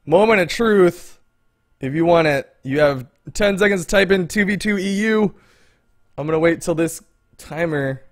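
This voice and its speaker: A chatty man hosting a livestream, his voice sitting a bit high for a man. He keeps an upbeat, casual tone and laughs often while running a giveaway for his viewers. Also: normal speed. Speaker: stream host. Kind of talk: casual livestream chat, giving away codes.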